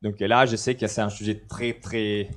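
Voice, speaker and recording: An easygoing man in his 30s from Italy, whose first language is Italian, is on stage presenting a technical talk in a large indoor hall via headset mic. He speaks at normal speed in a lowish voice, joking and hesitating often.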